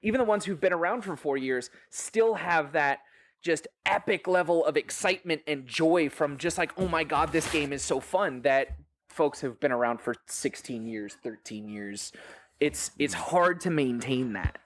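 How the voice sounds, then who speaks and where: A man's voice: on the high side, normal speed, slight background noise. Chatty man acting out quotes. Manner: chatty, acts out quotes, laughs often. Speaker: panelist. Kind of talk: panel discussion.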